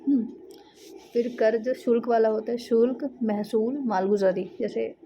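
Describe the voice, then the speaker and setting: Woman tutor, word lists for exam prep, slightly high voice, lo-fi sound, faint hiss. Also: fairly even intonation, measured pace. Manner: runs through word lists, with frequent "theek hai" checks. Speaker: teacher. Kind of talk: reading out a synonym list for exam prep.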